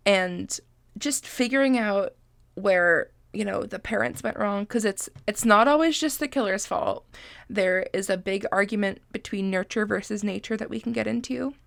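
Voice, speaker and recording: With a slightly high, bright voice full of vocal fry, a congested, sniffly woman in her twenties from Massachusetts, USA, runs a casual solo podcast. She talks chattily, pokes fun at herself, and swears freely, with no room sound.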